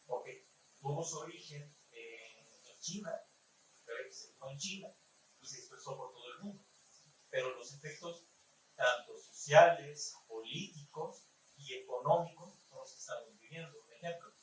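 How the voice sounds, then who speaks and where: A man with a Mexican accent giving a formal, measured comment from the audience at a conference. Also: medium pitch. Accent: Mexican Spanish. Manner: formal, measured academic reasoning. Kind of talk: conference question-and-answer comment. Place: conference hall. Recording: very echoey hall, voice far from the mic, faint room noise.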